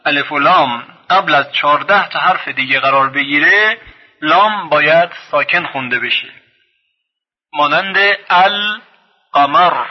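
A man teaching a recorded lesson on reading the Quran. He draws out each example word slowly, then explains briskly. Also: a little high, slightly rough. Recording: dull lo-fi sound with long reverb.

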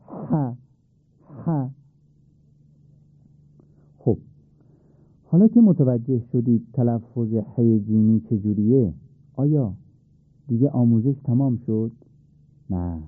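A man's voice: mid-range voice, no echo. Patient male Quran pronunciation teacher, tinny. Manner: patient, repeats and demonstrates sounds slowly. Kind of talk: radio-style pronunciation lesson. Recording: tinny phone-like dry sound.

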